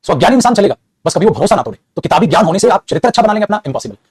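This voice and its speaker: A man's voice: high-pitched, very animated, very fast, darkish tone, slightly rough, no room sound. A man teaching English grammar in a classroom, explaining patiently and calling his students "child", with some moral advice. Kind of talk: classroom lecture.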